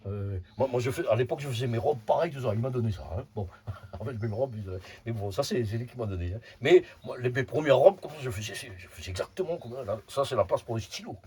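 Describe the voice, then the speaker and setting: Very husky, lively older man teaching. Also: mid-range voice, fast. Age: over 50. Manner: repeats words, frequent "hein" tags, emphatic bursts. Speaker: Sufi spiritual teacher. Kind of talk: informal spiritual teaching talk.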